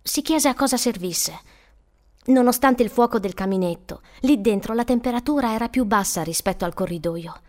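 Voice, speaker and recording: A woman's voice: fairly high pitch, normal speed. Woman reading a suspenseful audiobook. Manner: expressive, suspenseful storytelling. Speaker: narrator.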